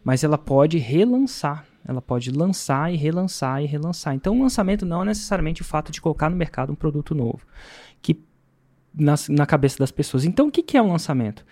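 A Brazilian man hosting a casual chat, telling stories in an animated way and laughing often. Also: on the high side, fast talker. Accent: Brazilian Portuguese.

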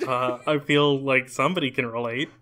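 A man co-hosting a comedy podcast, talking in a dry, unhurried way and laughing at the jokes. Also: medium pitch, steady tone, pushed and bright. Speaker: podcast co-host. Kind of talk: casual comedic chat.

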